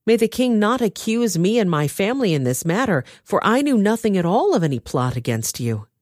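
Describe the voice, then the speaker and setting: A woman's voice: medium pitch, very animated, brisk, a little mellow, no room sound, voice pushed up. Give me a woman voicing a frightened, loyal priest pleading with his king, in a dry close sound.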